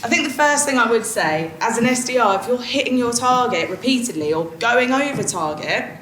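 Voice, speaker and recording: A woman's voice: on the high side, lively intonation, fairly quick, fairly bright tone. A woman on a conference panel, answering a question in a candid, chatty way and laughing easily. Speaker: panelist, SDR manager. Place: conference hall. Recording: echoey event hall with faint noise.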